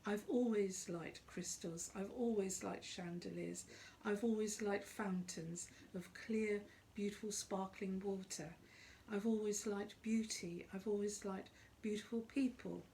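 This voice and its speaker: A middle-aged or older woman speaking off the cuff as a psychic, in an earnest, emphatic way with deliberate, repeated phrasing. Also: medium pitch, fairly even intonation, mellow, slight background noise. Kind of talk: unscripted spoken monologue on spiritual life.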